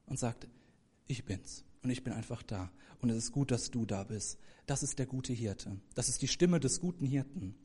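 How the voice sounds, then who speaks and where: A man preaching a sermon to a congregation, talking to them directly, now rising to loud emphasis, now dropping soft and slow. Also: medium pitch. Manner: addresses congregation directly, swells for emphasis then drops soft.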